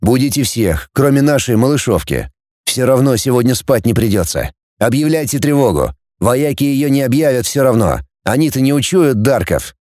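A dry, mocking old professor, as a male narrator puts him on, stern and commanding in a storybook reading. His voice is dark and warm, with lively pitch, heard close and dry. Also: normal speed, no echo, natural voice. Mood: wry.

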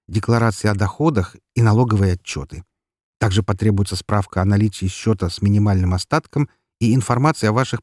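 A man voicing a sly male financial swindler with smooth salesman's talk. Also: on the low side, darkish tone, dry recording, clean studio sound, lightly acted.

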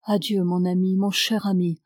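A woman reading a gentle wise nobleman. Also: on the low side, flat delivery, moderate pace, no room sound, close to an everyday voice. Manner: soft, gentle delivery.

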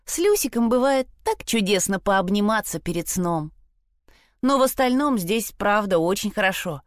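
A woman's voice: medium pitch, sing-song, moderate pace, dry recording, clean studio sound, lightly acted. A woman voicing a sweet, homesick little girl. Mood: tender.

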